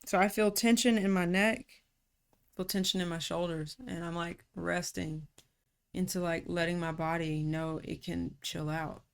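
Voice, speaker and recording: A woman coach giving a calm, reflective talk on rest and trust, unhurried and slipping into casual slang. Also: fairly low pitch, gravelly, smooth. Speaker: personality typology coach.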